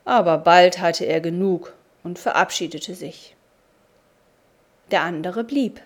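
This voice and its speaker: A woman reading a devotional story aloud in a slow, deliberate storybook manner. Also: on the low side. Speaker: narrator.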